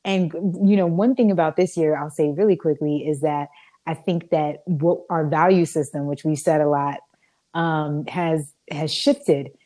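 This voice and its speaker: Earnest, low-voiced woman podcast co-host. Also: fairly even intonation, unhurried, dark tone. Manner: earnest and reflective, with frequent restarts and laughter. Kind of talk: casual podcast chat.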